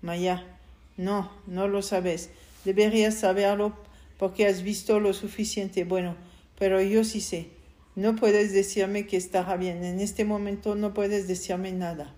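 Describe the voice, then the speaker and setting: A woman reading the part of a troubled young man in an audiobook, slow and insistent. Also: medium pitch, little pitch movement, mellow, lightly acted. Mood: hurt, insistent.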